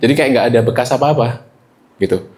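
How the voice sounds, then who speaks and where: A man in his thirties teaches a presentation workshop. He is lively and demonstrative, breaking into quick high and low example voices. His own voice sits at an ordinary middle pitch. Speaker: presentation trainer. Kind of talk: workshop lesson.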